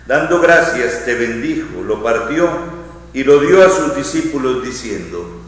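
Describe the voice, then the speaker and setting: A man, a bishop reciting the Eucharistic prayer in a measured, phrase-by-phrase liturgical delivery. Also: mid-range voice, lively intonation. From Colombia. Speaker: bishop celebrating Mass. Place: large church. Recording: echoey church with long reverb.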